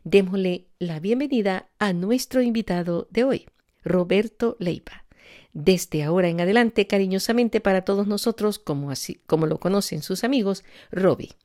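A woman hosting a religious talk show, gently and formally interviewing a guest. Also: mid-range voice, moderate pace. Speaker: host.

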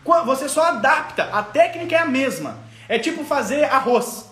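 High-voiced Brazilian man teaching parents. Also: moderate pace, reverberant. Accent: Brazilian Portuguese. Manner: animated, acts out parents' and children's voices; explains step by step, often checks in with "ok? tá?". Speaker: parenting educator. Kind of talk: live parenting lesson, answering viewer questions.

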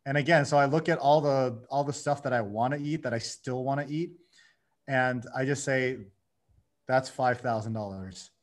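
A man in his thirties, a guest on a podcast, telling his story in a lively way and acting out his own inner dialogue. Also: medium pitch, moderate pace. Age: 30s. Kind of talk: casual conversation.

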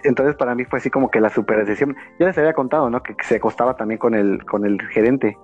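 A man with a Mexican accent, telling a story in casual chat, animated and slangy, with a lot of swearing. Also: mid-range voice, fast talker, dull audio, soft background music. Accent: Mexican Spanish. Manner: animated, slangy and profane, acts out quoted voices.

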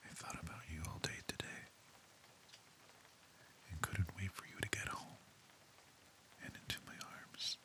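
Guy doing soft whispery asmr, super slow and flat, close up. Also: deep voice. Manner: soft, tender, intimate whispering close to the ear. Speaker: ASMR roleplay partner.

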